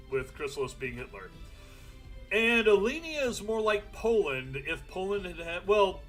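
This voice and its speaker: A man's voice: fairly high pitch, pushed and bright. A young man streaming a strategy game, thinking aloud in casual, rambling commentary with the odd swear.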